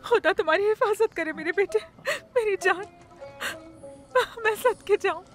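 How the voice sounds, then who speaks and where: A woman's voice: very high voice, brisk, soft background music. An actress dubbing a grieving mother who pleads tearfully for her son. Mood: tender. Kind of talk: Urdu film dubbing.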